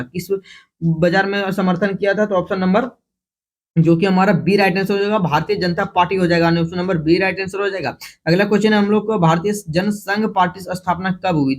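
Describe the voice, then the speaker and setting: A man with a Jharkhand Hindi accent teaching exam prep, rushing through multiple-choice questions, repeating each one and correcting himself as he goes. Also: high voice. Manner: repeats each question, then announces the option letter; hurried, with frequent restarts and self-corrections. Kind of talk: quick-fire multiple-choice quiz review.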